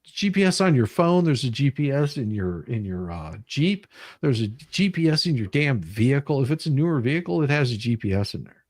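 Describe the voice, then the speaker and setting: A livestream host reads legal documents aloud and explains them casually, repeating himself for emphasis and swearing now and then. His medium-pitched voice is sing-song, a little fast and darkish, in a studio-quality recording with no room sound.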